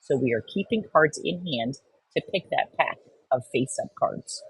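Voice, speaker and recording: A woman's voice: rumbling low, animated, normal speed, husky, no room sound, rough recording. A woman narrating a step-by-step card game tutorial, explaining each turn patiently and methodically.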